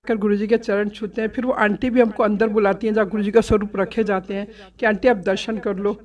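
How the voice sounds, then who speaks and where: A middle-aged woman recounts a devotional visit in an animated storytelling style, laughing often as she acts out each exchange. Her pitch sits right in the middle of the usual range. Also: fast, highs cut off. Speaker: devotee sharing a satsang experience. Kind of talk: storytelling testimony.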